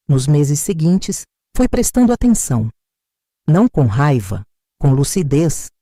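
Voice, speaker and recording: Calm older woman narrating, warm lively voice. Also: on the low side, no room sound, studio quality. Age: 60s. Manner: calm, measured, reflective. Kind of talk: first-person story narration.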